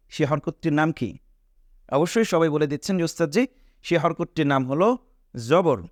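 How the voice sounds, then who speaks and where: A man's voice: fairly high pitch, no echo. Patient male Quran teacher, close and dry. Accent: Bangladeshi Bengali. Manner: patient, repeats points and poses questions to students. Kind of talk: classroom lesson.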